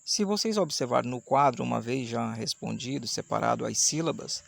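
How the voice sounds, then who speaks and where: A man teaching an online Portuguese grammar lesson, explaining step by step and slowing down to sound out syllables. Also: medium pitch, vocal fry, no room sound. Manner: explanatory, slows down to spell out syllables. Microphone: camera mic, camera switched off.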